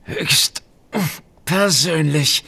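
A man's voice: mid-range voice, very animated, slow, sharp tone, husky, heavily acted. A man voicing a defiant, sneering thief in a storybook, with a strained, indignant delivery. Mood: through gritted teeth. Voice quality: strained, groaning. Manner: indignant, scornful. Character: defiant, sneering male thief caught red-handed. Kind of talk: storybook character voice.

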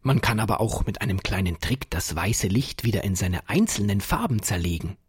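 A man voicing a kindly, enthusiastic old professor who patiently explains things to a child, in a husky voice. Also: fairly low pitch, normal speed, no room sound, studio quality, full character voice. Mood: explaining. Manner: patient explaining, lively delight.

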